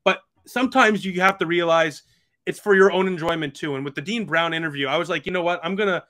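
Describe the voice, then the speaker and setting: Fast and sharp-toned, this high male voice belongs to a roughly twenty-year-old podcast guest. He talks earnestly on a casual video call, filling his speech with lots of fillers.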